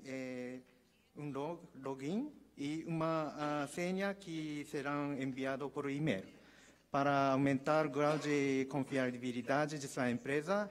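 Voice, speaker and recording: A man with a Japanese accent giving a formal conference presentation as a non-native speaker, in a halting, hesitant manner. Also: a little high. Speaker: trade promotion speaker. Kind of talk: formal conference presentation in Portuguese as a second language. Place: conference hall stage.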